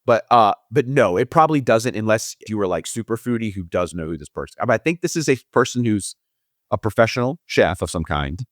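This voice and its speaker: A man hosting a comedy trivia podcast, chatty and playful, with quick jokey asides between questions. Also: lowish voice, lively intonation, dry recording, studio quality. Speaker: quiz host.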